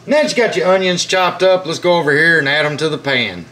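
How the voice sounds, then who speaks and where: A man's voice: a little high, fast talker, pushed and bright. A folksy man with a drawl talks viewers through a home recipe, filming himself on a handheld camera. The audio is noisy, picked up in a home kitchen. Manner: folksy, chatty, says y'all. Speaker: family vlogger and home cook. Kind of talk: casual home cooking vlog. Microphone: handheld camera mic.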